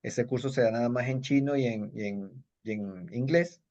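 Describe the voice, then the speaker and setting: This interviewee, a middle-aged kung fu master and judge from Venezuela, tells stories casually with a Venezuelan Spanish accent, wandering through them with plenty of fillers and restarts. He has a mid-range, darkish voice at a moderate pace, captured in dull, lo-fi audio.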